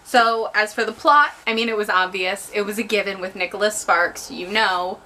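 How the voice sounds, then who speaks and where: Tipsy woman, bright emphatic book chat. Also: medium pitch, moderate pace, a little hiss or hum. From southern United States. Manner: rambling, emphatic, repeats herself for stress. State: tipsy from drinking. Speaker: book reviewer. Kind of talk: casual spoiler-free book review chat.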